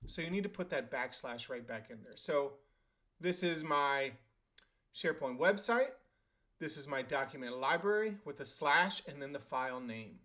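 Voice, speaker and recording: A man walks through a software setup on screen, speaking casually as he goes. His voice sits a bit high for a man. He thinks out loud, with fillers and quick restarts. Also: expressive. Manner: casual, thinks aloud with fillers and self-corrections. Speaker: tech tutorial host. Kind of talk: screen-recorded software tutorial.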